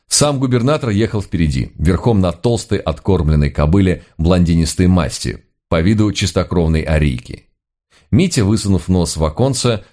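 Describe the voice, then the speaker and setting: A man with a very low voice reads a comic novel aloud. His delivery is dry and ironic, yet his intonation rises and falls in lively swings. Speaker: audiobook narrator. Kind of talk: scripted narration of a comic novel.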